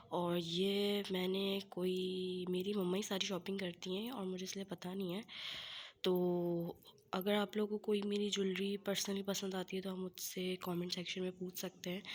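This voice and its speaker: A young woman with a sore throat talks softly, often dropping to a half-whisper, in a fairly low and flat voice. She chats casually to her viewers as a home vlogger, with faint background noise behind her. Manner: soft-spoken, often half-whispered, chatty. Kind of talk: casual vlog narration while showing items.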